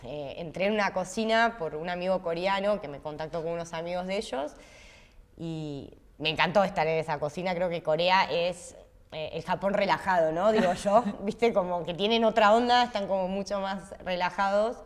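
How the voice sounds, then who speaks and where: A woman's voice: lowish voice, moderate pace. An Argentine woman chef in an interview, telling stories with animation and acting out her own past thoughts in quotes. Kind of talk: interview storytelling.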